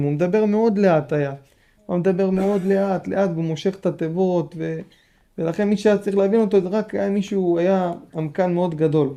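Mellow-voiced man teaching a Torah lesson. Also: high-pitched. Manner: repeats phrases and explains patiently to listeners. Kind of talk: Torah lesson, reading and explaining a text.

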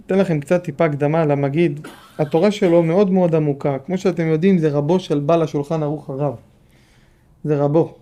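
Mellow-voiced man teaching a Torah lesson. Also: fairly high pitch, steady tone. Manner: repeats phrases and explains patiently to listeners. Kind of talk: Torah lesson, reading and explaining a text.

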